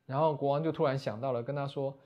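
A man, a Buddhist monastic teacher retelling a scripture story as a lecture, often closing phrases with soft tags. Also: mid-range voice, fairly even intonation, quick pace, muffled recording.

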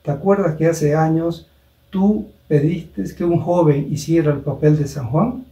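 A man's voice: a little high, a little slow, mellow, muffled recording. A man voicing a remorseful, fallen young man who confesses his sorrowful decline. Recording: roomy echo, distant mic.

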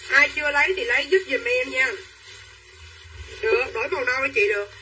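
A young woman selling clothes on a livestream, talking quickly and pushing viewers to claim items. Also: high-pitched, pushed and bright, distant mic, slight background noise, poor audio. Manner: quick and pushy, urging buyers to claim items. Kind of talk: live-selling chatter to viewers.

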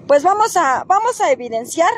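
A Mexican woman with a high voice records a street confrontation on her phone. She talks in halting bursts, full of fillers, and keeps turning to address her followers. The sound is outdoors and close to a phone mic, with faint noise underneath. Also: sing-song. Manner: halting, many fillers, addresses viewers directly. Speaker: citizen activist filming police.

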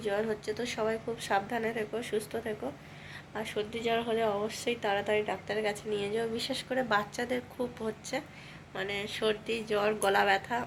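A woman's voice: a little high, gravelly. A woman in her thirties with a Bengali accent and a cold, chatting casually in a home vlog and cooing at her pet rabbit. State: stuffy with a cold. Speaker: vlogger. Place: home room. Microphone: handheld phone. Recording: noisy home recording.

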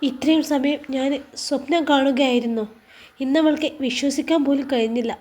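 A soft, pleading young woman with a Malappuram Malayalam accent, as a woman storyteller puts her on. Her voice sits high and light. She sounds tired and gentle, like a storybook heroine. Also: steady tone, normal speed, natural voice. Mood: flustered.

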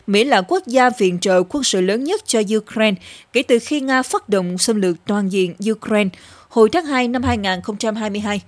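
A woman presenting scripted news in a formal, measured newsreader delivery. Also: on the high side, dry recording.

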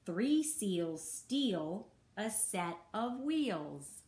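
A woman reading a rhyming picture book aloud for children in a slow, rhythmic sing-song. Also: medium pitch, sing-song, darkish tone. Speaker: children's story reader. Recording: roomy echo.

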